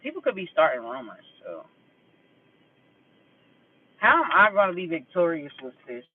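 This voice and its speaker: A man's voice: a little high, very animated, normal speed, slightly rough. A man venting bluntly and with lots of swearing in a casual vlog, then reading tarot cards. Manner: blunt, profane and emphatic, venting about a grudge. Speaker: vlogger doing a tarot reading. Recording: tinny phone-like audio.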